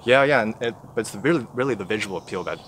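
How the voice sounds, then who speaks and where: A young man, a first-year farmer, talking casually in his backyard garden while being interviewed, pausing often with fillers as he thinks. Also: fairly low pitch, background noise. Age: young adult. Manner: relaxed, thinking aloud with many fillers. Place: backyard vegetable garden outdoors.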